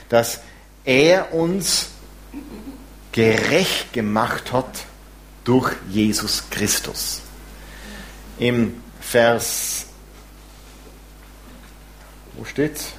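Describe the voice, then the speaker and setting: A man preaching a sermon, lively and warm in his asides, with some self-deprecating humor. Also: medium pitch, takes it slowly, pauses often, a little hiss or hum. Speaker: pastor.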